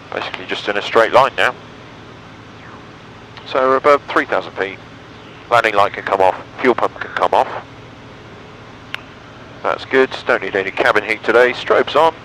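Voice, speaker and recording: A pilot and vlogger in his thirties with an English accent gives in-flight commentary and radio calls through an aviation headset in a small aircraft cockpit. His mid-range voice is pushed and bright, unhurried with long pauses, using clipped procedural phrases and upbeat asides. Audio is poor, with engine drone over the headset.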